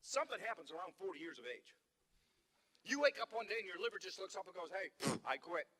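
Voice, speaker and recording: A man's voice: high-pitched, very animated, fast, pushed and bright. A man in his fifties doing a stand-up comedy routine on a theater stage, rambling through stories with stammering restarts.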